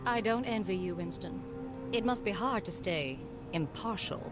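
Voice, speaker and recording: A prim older lady from a video game, played by a woman, sly and sweetly condescending. Her delivery is very lively, with music clearly behind her. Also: mid-range voice, normal speed, close to an everyday voice.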